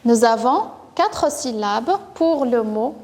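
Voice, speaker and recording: A woman teacher with a Moroccan accent leads young children through French sounds, her high voice drawing each word out slowly and patiently. She praises often and repeats words syllable by syllable. The sound trails off in a long, hall-like reverb. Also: expressive, a little mellow. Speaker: primary school teacher. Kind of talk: first-grade French phonics lesson.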